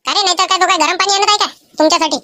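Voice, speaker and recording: A woman's voice: very high voice, racing, pushed and bright, no room sound. A woman voicing a strict female schoolteacher in a cartoon, scolding and lecturing pupils in a Vidarbha Marathi accent. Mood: stern scolding. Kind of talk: animated cartoon voice acting.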